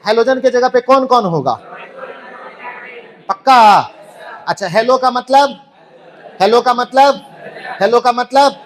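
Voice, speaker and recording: High-voiced playful teacher. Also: male voice. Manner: playful, jokey, full of rhetorical questions. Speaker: chemistry teacher. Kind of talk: online class lecture.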